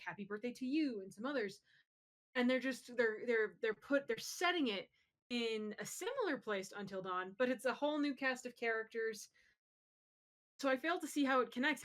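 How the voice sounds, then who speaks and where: A woman with a somewhat bright, high-ish voice co-hosts a podcast, casually explaining her views on films and games and occasionally swearing during the relaxed discussion.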